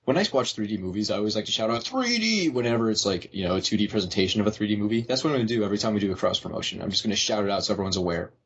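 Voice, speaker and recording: A young man hosts a casual podcast, joking as he rambles through childhood stories. His voice is low and a little husky. The recording sounds dull and lo-fi. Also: expressive, rapid-fire, few pauses. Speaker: podcast host.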